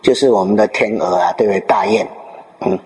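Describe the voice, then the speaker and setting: Male dharma teacher, lower register, lively storyteller who quizzes his listeners; recorded with long hall reverb. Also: brisk. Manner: checks in with rhetorical questions to listeners. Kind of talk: dharma talk retelling a Zen story.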